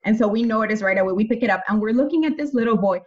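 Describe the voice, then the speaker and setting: A woman's voice: a little high, very fast. A woman in her forties, guest in a casual interview, telling stories candidly and with energy, and swearing freely. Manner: candid, animated storyteller who swears freely. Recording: muffled lo-fi audio.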